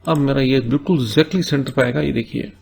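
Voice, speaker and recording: Here a man with a medium-pitched, creaky, slightly mellow voice teaches coding over a screen recording. His Hindi explanations go one step at a time, punctuated by frequent "है ना?" check-ins, with English task notes read slowly between them.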